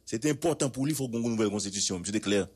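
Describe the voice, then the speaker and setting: A man's voice: on the low side, darkish tone, breathy edge. A man with a Haitian accent giving emphatic radio news commentary, repeating words for effect and asking rhetorical questions. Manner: emphatic, drawn-out repetitions, proverbs and rhetorical questions.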